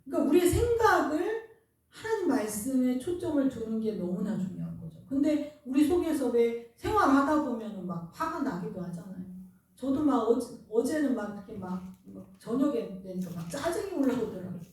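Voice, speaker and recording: A woman's voice: fairly high pitch, sing-song, moderate pace, darkish tone. A woman pastor giving an earnest, conversational sermon and asking the congregation questions. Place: church sanctuary. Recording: very echoey church hall, distant mic.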